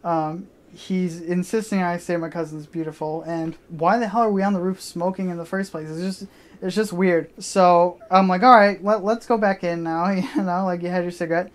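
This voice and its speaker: Profane, animated woman telling a story. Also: fairly low pitch, normal speed. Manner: animated, profane, many restarts and quoted asides. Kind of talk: comedic personal storytelling on stage.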